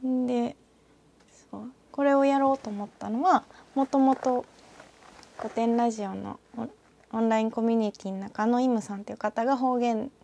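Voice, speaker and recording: A woman from northern Osaka with a Kansai accent, talking alone in a rambling, reflective way and often trailing off into soft asides. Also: fairly high pitch, steady tone, moderate pace, vocal fry. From northern Osaka, Japan. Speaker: podcaster. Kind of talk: casual solo talk with a short reading.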